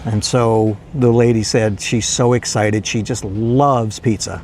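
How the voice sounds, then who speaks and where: A man's voice: fairly low pitch, steady tone, a little slow, a little mellow, a little hiss or hum. An older man telling a rambling, self-deprecating story in a casual vlog. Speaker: retiree vlogger and pizza delivery driver.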